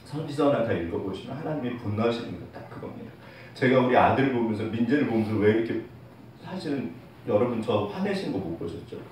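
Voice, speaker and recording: A man's voice: medium pitch, animated, fast, a little mellow. A man preaching a sermon as pastor, candid and heartfelt, with light self-teasing humor toward his congregation. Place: church sanctuary. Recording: very echoey church hall, voice picked up from far off, faint hiss.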